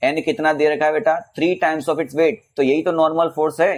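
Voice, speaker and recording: A male physics teacher solving exam questions in a casual Hindi lesson, calling students bhaiya and beta and reading English questions out slowly. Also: a little high, level tone.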